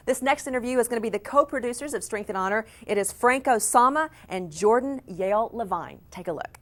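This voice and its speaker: Female presenter for upbeat links between segments, voice a little higher than most. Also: animated, a little fast, very noisy. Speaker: show host.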